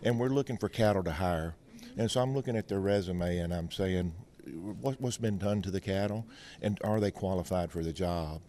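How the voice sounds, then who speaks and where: This middle-aged Mississippi veterinarian, with a Mississippi Southern accent, has a warm, low-pitched voice and talks at normal speed. As an interview guest he explains things in a folksy, plain-spoken manner, drawing on anecdotes and analogies.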